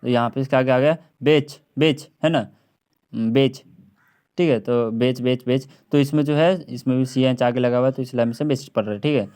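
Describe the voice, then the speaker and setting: Male tutor, mid pitch; drills words by repetition, clears throat often. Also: steady tone, normal speed, a little mellow. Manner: repeats words over and over, drawn out, with frequent throat clearing. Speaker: English teacher. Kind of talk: classroom lesson on silent letters.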